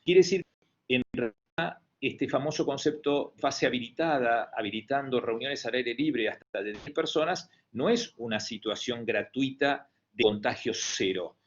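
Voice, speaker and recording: A man with an Argentine Spanish accent gives a medical lecture over a video call, his voice sitting at an ordinary middle pitch. He talks haltingly, filling pauses and restarting his sentences. The sound is dull and lo-fi, like online call audio. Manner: hesitant, many fillers and restarts.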